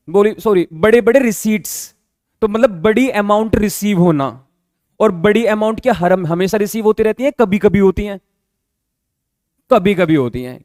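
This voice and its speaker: Teaching accounting in lecture style, the man has a fairly high and slightly mellow voice. He takes his time explaining, repeats key terms, and stops repeatedly to ask whether everyone has understood. The audio is close-miked and dry, with no echo.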